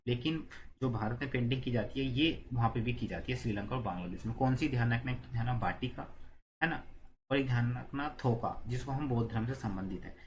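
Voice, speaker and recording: A man's voice: medium pitch, fast, a little mellow, slight background noise. A man giving an exam-prep lesson, explaining with repetitive, playful memory tricks. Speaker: teacher.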